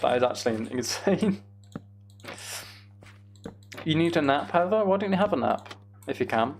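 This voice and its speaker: At a normal speed, a man with a somewhat high, animated voice hosts a live gaming stream. He chats informally with viewers and quietly talks himself through each step of his task, while the clear sound of typing and clicking fills the background.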